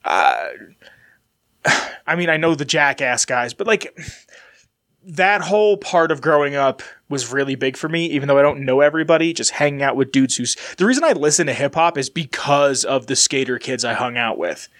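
A man with a medium-pitched, animated, fairly bright voice talks at a moderate pace on his casual solo podcast. He rambles loosely and chattily while stuffy from a sinus infection.

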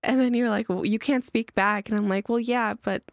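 A woman's voice: on the high side, steady tone, moderate pace, gravelly, no echo, clean studio sound. Hesitant young woman from El Salvador. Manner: hesitant, lots of likes and I don't knows. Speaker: podcast co-host. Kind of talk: casual podcast chat.

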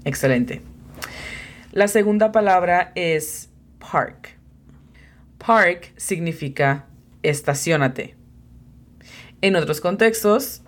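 A woman hosting a beginner English lesson, patiently explaining vocabulary, spelling words out and encouraging her student. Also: lowish voice. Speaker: language teacher and host. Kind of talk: bilingual English lesson podcast.

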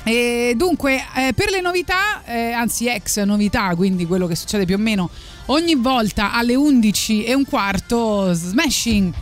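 A woman's voice: a little high, lively intonation, moderate pace, faint music behind. A woman hosting radio in a casual, live chat style, rambling and hesitant as she goes. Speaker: radio host.

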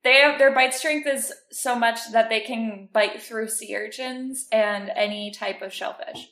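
Woman co-host, casual and chatty, laughs a lot; higher voice, roomy recording. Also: fairly even intonation, measured pace, fairly bright tone. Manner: chatty, laughs often, explains facts. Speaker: podcast co-host. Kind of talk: casual chat. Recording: roomy echo.

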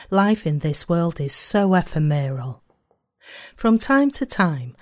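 A woman reading a sermon aloud in a measured, earnest way, slowing down on key phrases. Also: lowish voice, darkish tone. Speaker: sermon reader.

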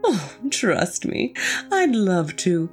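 Actress as a theatrical, over-formal eccentric doctor; unhurried, sing-song delivery. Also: female voice, on the low side, very animated, darkish tone. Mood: playful. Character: eccentric scatterbrained woman doctor, nosy and theatrical. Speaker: voice actor in an audio drama. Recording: faint music underneath.

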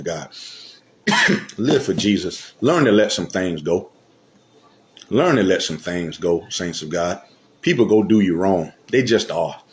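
Lower-voiced man preaching a casual sermon. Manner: repeats "hallelujah, God" between phrases; colloquial, conversational preaching with rhetorical questions. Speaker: elder preaching. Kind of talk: informal sermon.

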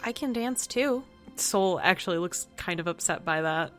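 A woman's voice: on the low side, animated, normal speed. A woman talking casually in role-play as a player in a tabletop game. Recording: music playing behind the voice.

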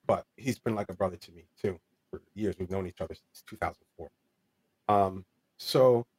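A man in his forties with a lowish voice is an interview guest telling a candid personal story. He comes across as earnest and rambling, with many fillers and restarts.

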